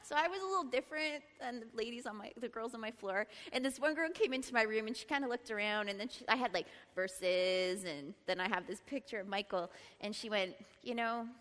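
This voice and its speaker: Middle-aged woman Bible teacher, lively and chatty, slightly high, bright voice; ringing reverb of a large hall. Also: brisk. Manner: lively, laughs often, prompts the group to repeat. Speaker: teacher at a church Bible study. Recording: long reverb in a large room.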